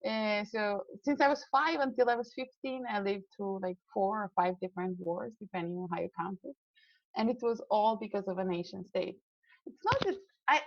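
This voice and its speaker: A woman's voice: fairly high pitch, vocal fry, no echo, lo-fi sound. Earnest young woman from Serbia. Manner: earnest, idealistic, frequent fillers and restarts. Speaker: guest, climate scientist. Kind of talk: casual interview talk.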